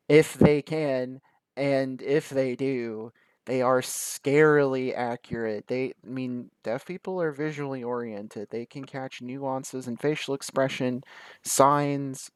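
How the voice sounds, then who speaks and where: A young man chatting to the camera in a relaxed, storytelling way. He laughs often, throws in quick asides, and his voice sits in a middle register. The sound is close and dry, with no room echo. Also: medium pitch, smooth. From American South. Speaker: vlogger.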